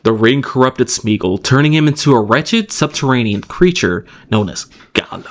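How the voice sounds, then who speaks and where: Brief: male podcast co-host, mid-pitch, loose chat that slips into read-out recaps. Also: normal speed. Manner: relaxed, loose, with fillers and restarts between read passages. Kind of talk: casual chat mixed with reading a plot summary.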